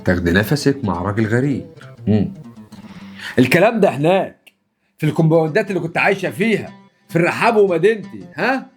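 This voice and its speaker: An actor with an Egyptian accent playing a bossy, hot-tempered young husband who scolds fast. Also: male voice, a little high, big pitch swings, soft background music. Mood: jealous. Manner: sharp, scolding, fast talk. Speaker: husband in a family drama.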